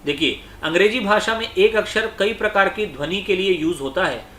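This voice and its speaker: A male teacher giving an exam-prep lecture. He explains slowly, repeats himself, and reads example sentences aloud. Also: sits high, sharp tone, roomy sound, a little hiss or hum.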